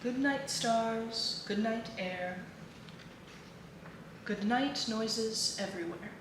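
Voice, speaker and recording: Woman reading kids books out loud, sing-songy, kinda high voice, echoey room w noise behind. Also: very slow. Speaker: children's book reader. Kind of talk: read-aloud storytelling for children.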